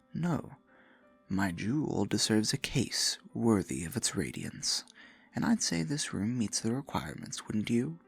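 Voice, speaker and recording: Slow, theatrical and breathy, a man plays a possessive dark sorcerer holding someone captive, murmuring mock-sweet endearments with silky menace. His voice is low, husky and gravelly, and the heavily acted performance belongs to a fantasy ASMR audio roleplay.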